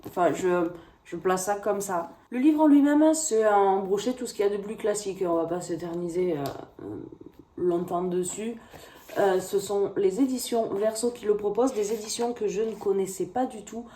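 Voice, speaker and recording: A woman's voice: medium pitch, moderate pace, warm tone, a little hiss or hum. A woman reviewing a book in a chatty, hesitant way, talking straight to the viewer. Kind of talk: casual book review chat.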